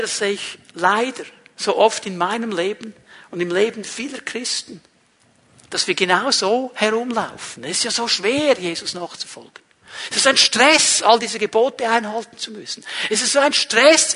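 A man preaching a sermon to a congregation, earnest and emphatic, moving between loud stresses and quiet passages. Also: high voice.

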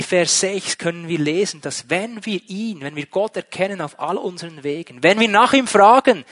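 A man's voice: fairly high pitch, a bit bright. Emphatic man preaching a sermon. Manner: emphatic, with rhetorical questions.

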